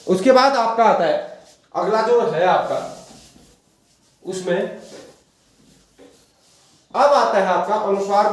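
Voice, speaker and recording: A man's voice: sits high, darkish tone. A male teacher giving a classroom grammar lesson, quizzing his listeners and drawing words out syllable by syllable. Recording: very echoey room, mic far off.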